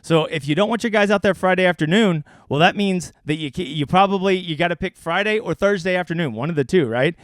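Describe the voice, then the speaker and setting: Man, fantasy sports streamer, casual and crude, slightly high voice, dry sound. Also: fast, hardly any pauses, dry recording. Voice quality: crude, joking and animated. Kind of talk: casual livestream breakdown.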